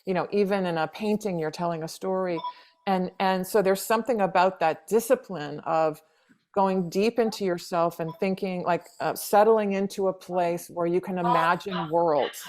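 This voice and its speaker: A playwright in her fifties, raised in the United States, works through her ideas as a guest in a reflective interview, restarting often and repeating words. Her voice is fairly low and darkish at a normal pace, with a little hiss or hum behind it.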